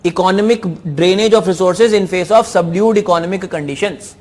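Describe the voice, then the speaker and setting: A man's voice: high-pitched, a little fast, darkish tone. A man with an Indian English accent reviewing exam answers in a lesson, repeating key phrases for emphasis. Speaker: teacher.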